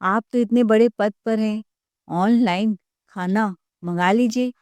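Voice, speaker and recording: A woman's voice: medium pitch, slow pace, darkish tone, smooth, no room sound, lightly acted. A woman voicing a pampered young wife who speaks haughtily and sulkily. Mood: haughty. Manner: haughty, sulky.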